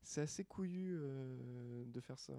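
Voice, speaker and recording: A man's voice: medium pitch, slow pace, warm tone, no echo. A man co-hosting a podcast in casual chat, talking hesitantly with many fillers and restarts. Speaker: podcast co-host. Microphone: desk microphone.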